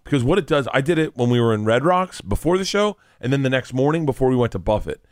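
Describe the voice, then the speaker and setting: A man's voice: mid-range voice, animated, quick pace, no echo, studio quality. A young adult man co-hosting a podcast, telling rambling stories in casual chat, swearing and acting out what people said. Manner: rambling storyteller, swears, acts out quotes. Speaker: podcast co-host.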